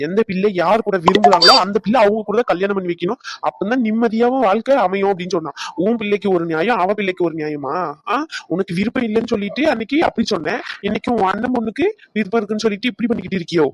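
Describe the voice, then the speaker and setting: A man's voice: high voice, racing, a little hiss or hum, lightly acted. A man voicing a stern, demanding father in a cartoon who stands up for his son. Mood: accusing. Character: angry father defending his son's choice. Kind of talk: cartoon voice acting.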